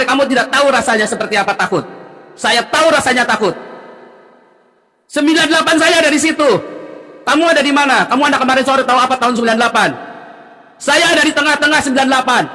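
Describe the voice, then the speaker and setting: A man's voice: extremely high pitch, long reverb tail. A man in his late forties preaching on a live stream, arguing heatedly and hurling insults at a caller. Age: 40s. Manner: shouting, insulting, domineering.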